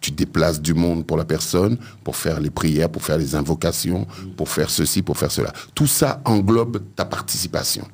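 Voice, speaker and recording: A deep, gravelly man with a husky edge talks emphatically in a radio studio, leaning on key words and repeating them. He speaks into a studio mic as a vodou priest being interviewed. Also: normal speed, few pauses, darkish tone. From France. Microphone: studio mic with headphones.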